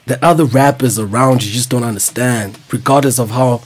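A man's voice: medium pitch, fairly quick. A man hosting his own podcast in a studio, pushy and teasing with casual swearing. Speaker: podcast host. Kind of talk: casual interview chat.

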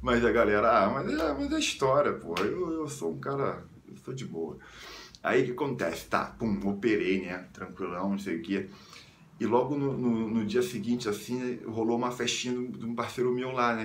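A young man from the suburbs of Rio de Janeiro with a Carioca accent, telling a story casually in slang and jumping into high squeals when he quotes people. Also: moderate pace, echoey room, slight background noise. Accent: Carioca Brazilian Portuguese. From Rio de Janeiro suburbs, Brazil. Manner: slangy, animated, jumps into high squeals when quoting others. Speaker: vlogger.

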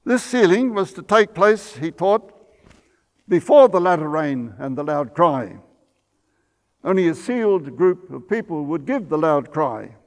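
An old man in his eighties sits at a table in a church sanctuary and lectures as a pastor, recalling events in a steady, measured way. His voice sits a little high for a man. The room adds a long, lingering reverb. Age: 80s. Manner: measured storytelling, some self-corrections. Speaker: pastor giving a history lecture.

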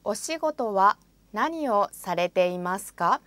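With no room sound in the background, a woman of medium pitch speaks expressively in a fairly bright tone. She is in a studio voicing language-course examples, articulating each with deliberate care before repeating it.

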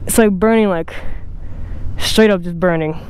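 A man's voice: sits high, a little slow, darkish tone, slight background noise. A young man vlogging outdoors on a camera mic, swearing and joking at himself while in pain. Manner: swearing, pained and self-mocking. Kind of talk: casual vlog talk to camera.

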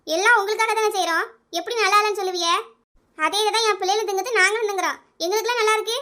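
A woman voicing a very high, bright indignant housewife. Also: fairly even intonation, rapid-fire. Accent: Kanyakumari Tamil. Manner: arguing, defensive. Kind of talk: cartoon comedy voice acting.

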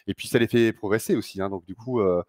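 A middle-aged man talks at an indoor conference with enthusiasm, gesturing and filling pauses as he goes. The sound is dry and close, with hardly any echo. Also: on the low side, darkish tone. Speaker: founder of a sailing channel. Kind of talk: conference talk. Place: large sailing showroom, indoors.

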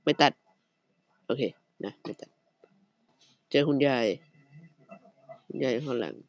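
Excitable man voicing horror game commentary. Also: mid-range voice, unhurried, no room sound, highs cut off. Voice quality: excitable, swears, talks to the game character. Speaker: gamer.

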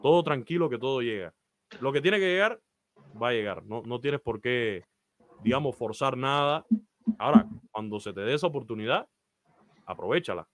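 This Cuban baseball announcer, a man in his thirties, speaks earnestly on a video call about his career and offers advice, frequently saying "eh" in his Cuban Spanish accent. He's an interview guest in a small indoor room, with an expressive mid-range voice at normal speed.

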